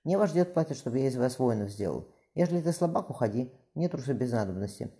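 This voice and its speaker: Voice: medium pitch, animated, fast, mellow, close to an everyday voice. A reader voicing a hard-bitten army captain training boys, harsh and commanding. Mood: strict. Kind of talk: audiobook character voice.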